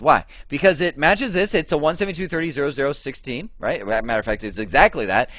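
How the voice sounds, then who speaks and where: Lively, chatty male networking instructor. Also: a little high, no room sound. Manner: lively, chatty, asks the viewer questions. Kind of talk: lecture over slides.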